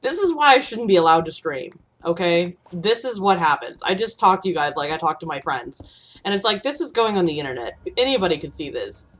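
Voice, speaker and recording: A young woman from the Midwest talks briskly in a low-ish, sing-song and slightly bright voice while streaming a game. Her casual chat rambles, she curses freely, and panicked outbursts come out of nowhere.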